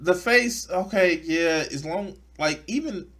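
A man's voice: sits high, lively intonation, takes it slowly, fairly bright tone. A man, speaking bluntly and profanely with stammering restarts as he streams an off-the-cuff reaction.

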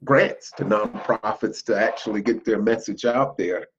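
A man's voice: lowish voice, normal speed, lo-fi sound, a little hiss or hum. A man co-hosting a podcast over a video call, his audio glitching and breaking up with dropouts as he talks. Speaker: unofficial podcast co-host. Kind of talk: casual conversation on a video call.

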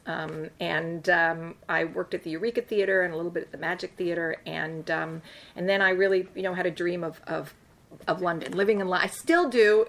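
A woman's voice: on the low side, vocal fry, fairly bright tone. An older woman telling stories in an interview, rambling and wry, with lots of ums and restarts. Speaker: sports agent interviewed about past deals. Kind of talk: conversational interview storytelling.

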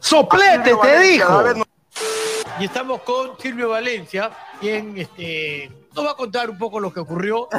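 A male TV presenter introduces a guest in a high, lively voice. He sounds upbeat and announcing. Music plays clearly beneath him on this played-back clip. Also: normal speed, hardly any pauses. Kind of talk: broadcast introduction.

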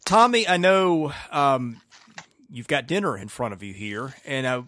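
A man's voice: medium pitch, expressive, measured pace, fairly bright tone, no room sound, clean studio sound. A man hosting a sports podcast, asking questions and wrapping up politely. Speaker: podcast host. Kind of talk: podcast interview.

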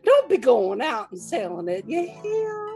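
A woman's voice: a little high, sing-song, measured pace, a little mellow, faint music behind. A woman hosting a comedic radio cooking show, folksy, huffy and theatrical.

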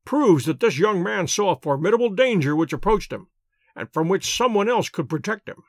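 In this audiobook character voice, a male reader plays a composed detective methodically explaining his deductions with exact, professorial care. He has a high voice, and there is no echo.

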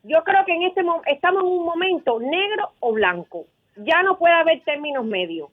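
A woman calls in to a radio show. Her voice is high and comes through a narrow, tinny phone line, and she speaks with indignant passion. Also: lively intonation, moderate pace. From Cuba. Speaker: radio caller. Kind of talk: impassioned call-in comment.

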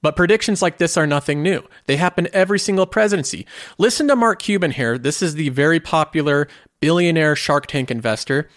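Male finance host, scripted explainer, rhetorical questions, a touch high-pitched, dead-dry recording. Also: a little fast, fairly bright tone, no room sound. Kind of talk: scripted commentary.

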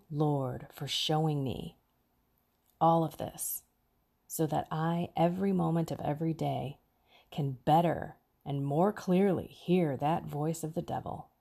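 A woman's voice: low voice, gravelly, warm tone. A woman hosting a podcast, giving an earnest, preachy personal faith talk with bursts of emphasis. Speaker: podcast host.

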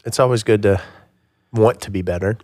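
A man's voice: lowish voice, a little fast, a little mellow, no echo, studio quality. A man co-hosting a podcast, chatting in a playful, jokey way. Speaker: podcast co-host. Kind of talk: casual podcast chat.

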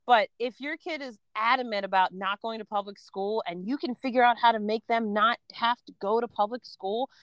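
A woman's voice: a little high, a bit bright, no room sound, poor audio. A woman in her thirties, a homeschooling mom co-hosting a podcast, talking frankly and casually with lots of "um" and "you know". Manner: chatty, frank, many fillers like "um" and "you know".

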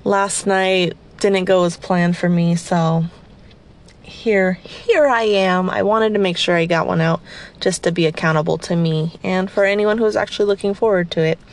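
A woman hosting a podcast, talking through a casual guided cleaning session early in the morning at home, her voice slightly raspy from just waking up, chatty and rambling with self-deprecating asides. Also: lowish voice, steady tone, moderate pace. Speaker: podcast host.

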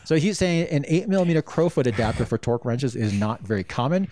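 A man's voice: mid-range voice, fast, darkish tone, a little hiss or hum. A man hosting a podcast, reading listener questions aloud and chatting in an easygoing way with frequent fillers. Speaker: podcast host.

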